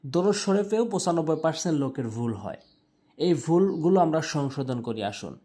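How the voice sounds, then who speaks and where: A man teaching correct prayer pronunciation, drawing out recited phrases slowly and then explaining the rules in quick asides. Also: on the high side, a little mellow. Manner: alternates slow drawn-out chanted recitation with quick spoken explanations. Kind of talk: tajweed pronunciation lesson.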